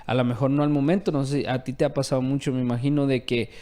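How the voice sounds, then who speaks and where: Hombre de pódcast cristiano, fervoroso. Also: male voice, medium pitch, level tone, fast talker, warm tone. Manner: affirming, fervent, repetitive emphasis. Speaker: co-host.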